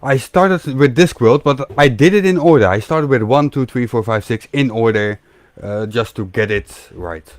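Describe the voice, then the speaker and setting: A man's voice: mid-range voice, normal speed, no room sound. A man co-hosting a live stream in casual chat, friendly and moderating, reading out donations.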